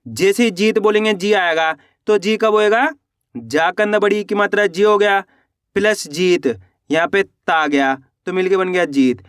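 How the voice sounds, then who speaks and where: A man teaching a reading lesson, spelling words out slowly syllable by syllable, asking questions and then answering them himself. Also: high voice, fairly bright tone, smooth, no room sound, studio quality. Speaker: Hindi teacher.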